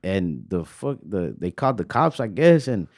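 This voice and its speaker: A man's voice: low-pitched, big pitch swings, moderate pace, darkish tone, no echo, studio quality. A young man hosting a podcast, telling a story in a rambling way full of fillers. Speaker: podcast host.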